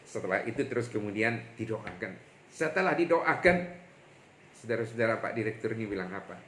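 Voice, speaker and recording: A man's voice: fairly low pitch, lively intonation, a little fast, a bit bright, slight background noise. A male pastor telling a story in a prayer-meeting sermon, often calling out to his listeners as brothers and sisters. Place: church prayer meeting streamed online. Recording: echoey room with faint ambience.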